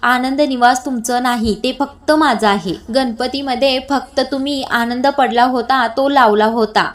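A woman's voice: sits high, a little slow. A woman voicing an angry, hurt young wife in a retold TV serial, speaking in a reproachful, raised voice.

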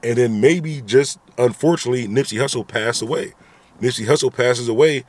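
A man in his thirties vlogs from inside a car, speaking animatedly to a phone camera at arm's length. He talks fairly quickly in a medium-pitched voice with a darkish tone, giving his opinions and circling back to rhetorical asides.

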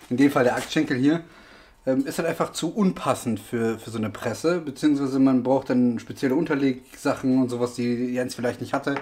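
A car mechanic hosts a repair vlog, chatting casually about his work and thinking aloud with lots of fillers. His voice is mid-range, and the recording has a little hiss or hum.

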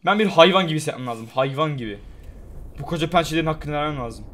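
A man doing live let's-play commentary, excitable, swinging between loud frustrated outbursts and low muttering, swearing and talking to the game as he plays. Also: quick pace. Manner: swears often, talks to the game. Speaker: gaming YouTuber.

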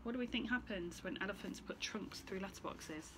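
A woman in her thirties, a teacher, reads a children's picture book expressively from an armchair in a small bright room, pausing between story lines to put questions to the listener. She speaks a little fast in a mid-range voice against a noisy background.

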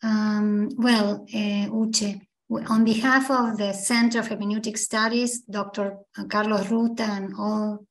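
A hoarse woman introducing a guest speaker, reading his bio aloud with fillers and self-corrections. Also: medium pitch, little pitch movement, unhurried, poor audio.

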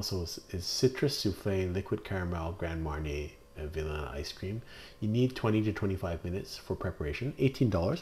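Low-voiced man reviewing food, hesitant. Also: darkish tone. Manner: plain, hesitant, many ums and uhs. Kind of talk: casual voice-over restaurant review.

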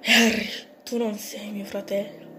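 A woman voicing a young female mouse, indignant and defiant toward her brother, speaking slowly over music. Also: mid-range voice, level tone, bright, forceful tone, slight background noise. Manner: indignant, pleading.

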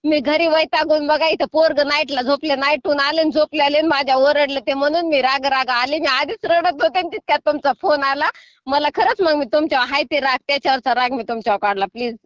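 A middle-aged woman talks from a field over the phone in a high voice that scolds and then pleads. The line is muffled and dull, and the sound is dry and close with no room around it. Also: brisk, no echo. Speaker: prank call target. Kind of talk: heated phone call. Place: sitting in a field.

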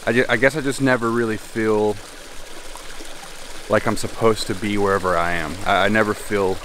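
A man's voice: lowish voice, steady tone, normal speed, a bit bright, a little hiss or hum. A man in his thirties vlogging alone outdoors, talking to himself in a reflective, hesitant way, with the camera held at arm's length. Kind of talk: casual solo vlog narration. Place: outdoors in a forest by a stream.

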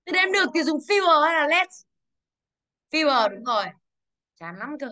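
A woman's voice: high voice, big pitch swings, normal speed, bright, forceful tone. A woman teaching English to a class, quizzing pupils and drilling pronunciation. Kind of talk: classroom lesson.

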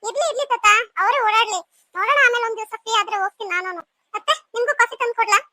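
A woman's voice: very high-pitched, racing, bright, forceful tone, dry recording, studio quality, voice pushed up. [name], a woman doing a cheerful daughter-in-law. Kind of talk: cartoon voice acting.

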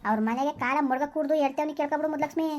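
A woman playing a gruff middle-aged village father who scolds and threatens his family in a comic skit. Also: high-pitched, fairly even intonation, very fast, voice pushed down, lightly acted. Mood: angry.

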